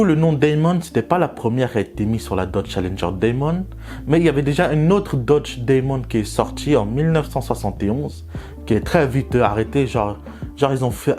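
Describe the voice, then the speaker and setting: A young man vlogging casually while he draws. He talks in slang, mocks himself and jumps up into excited bursts. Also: medium pitch. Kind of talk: casual joking commentary while drawing.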